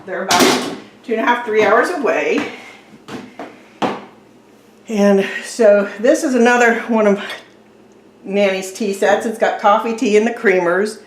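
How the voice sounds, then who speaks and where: A woman's voice: medium pitch, unhurried, long pauses. A middle-aged woman chatting casually in a rambling way as she declutters her home kitchen, filmed on a tripod camera. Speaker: vlogger. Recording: echoey room with faint noise.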